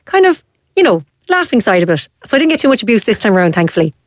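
A woman's voice: fairly high pitch, very animated, fast, no echo, clean studio sound. A woman in her thirties with a west of Ireland accent, chatting casually on a panel in chatty, run-on phrases. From Galway, west of Ireland. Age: 30s. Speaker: guest panellist, sports journalist.

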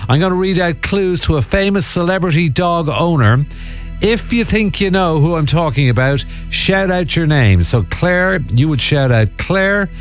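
A man's voice: fairly high pitch, animated, normal speed, soft background music. An Irish man hosting a radio phone-in quiz, chatting casually and bantering with the contestants.

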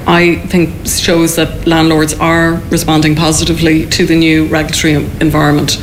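Female director, formal and monotone, low voice. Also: normal speed, noisy background. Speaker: agency director. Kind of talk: prepared statement.

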